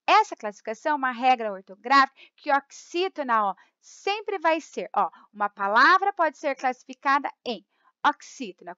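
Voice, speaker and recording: A woman teacher with a Brazilian accent giving a grammar lesson, explaining slowly, repeating the rules, stretching key words and often checking in with her students. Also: sits high, pushed and bright, smooth, dry recording, muffled recording. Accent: Brazilian Portuguese. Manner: keeps checking in with "tá?" and "ó". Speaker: Portuguese teacher.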